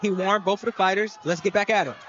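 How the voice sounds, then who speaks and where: A man doing casual live boxing commentary, excitable and streetwise, repeating phrases and tossing in coaching tips. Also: sits high, quick pace. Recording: muffled mic amid noisy fight crowd. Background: fight crowd.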